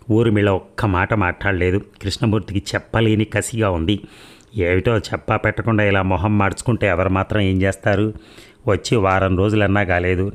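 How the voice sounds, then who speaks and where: A man narrating a romance novel aloud, with steady storytelling that slows for the dialogue. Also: low-pitched.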